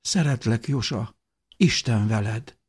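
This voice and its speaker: A man reading an audiobook, voicing a gentle, sorrowful young woman who speaks softly and half whispers. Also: medium pitch, slightly rough, voice pushed up, lightly acted. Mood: farewell. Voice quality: soft, whispery.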